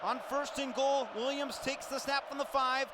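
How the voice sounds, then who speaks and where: A man's extremely high voice, fairly even in intonation and moderately paced, carries a radio football broadcast. He projects like a sports announcer in clipped, descriptive phrases, while crowd and stadium noise fill the background loudly.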